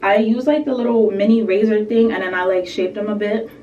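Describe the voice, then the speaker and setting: A woman's voice: medium pitch, fairly quick, a little mellow, highs cut off, slight background noise. Young woman rambling through a makeup tutorial, lots of "like", kinda far from the mic, echoey room. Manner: chatty, filler-heavy, frequent "like" and asides. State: a bit sick. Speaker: beauty vlogger. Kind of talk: casual makeup tutorial chat. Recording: roomy echo, set back from the mic.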